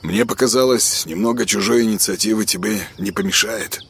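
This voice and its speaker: A man's voice: on the low side, fairly even intonation, fairly quick, a bit bright, slightly rough. A man voicing a pushy, cheerful young man who needles his friend, in an audiobook. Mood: teasing. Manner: teasing, pushy, upbeat.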